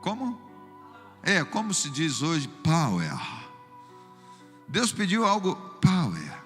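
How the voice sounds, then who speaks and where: A high-pitched Brazilian man preaches a sermon and tells lively, humorous stories. He keeps calling his listeners brother. His voice rings through a reverberant church hall with faint music behind. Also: slow. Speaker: pastor.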